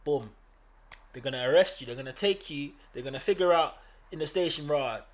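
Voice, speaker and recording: A man's voice: fairly high pitch, brisk. A young man with an East End London accent, co-hosting a casual podcast and telling stories in street slang while laughing often. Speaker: podcast co-host.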